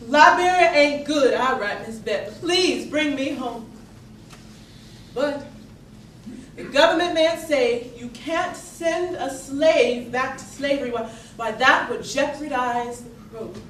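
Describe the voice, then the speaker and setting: Recorded at a distance on an echoey, noisy indoor theatre stage, an actress delivers a 19th-century period monologue as an earnest young enslaved Southern woman. Her high-pitched, somewhat bright voice carries a Southern accent and a bitter, plaintive mood, halting and folksy yet emphatic, rising into dramatic swells.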